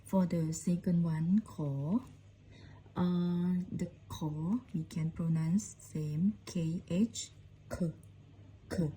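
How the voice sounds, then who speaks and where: Slow, dark-voiced woman. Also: on the low side, fairly even intonation, breathy edge, poor audio. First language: Lao. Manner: slow, repetitive, says each sound several times. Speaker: language teacher. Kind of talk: casual short-form language lesson.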